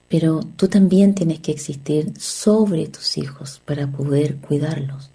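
Mellow, husky woman coaching earnestly. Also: deep voice. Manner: earnest, coaching, asks rhetorical questions. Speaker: therapist. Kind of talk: motivational talk on relationships.

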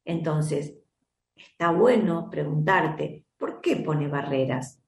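A woman's voice: sits low, takes it slowly, gravelly, echoey room. A woman with an Argentine accent hosting an advice program, explaining things in a reflective, teacherly way and often checking in with her listeners. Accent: Argentine Spanish. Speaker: host and teacher of a self-help method.

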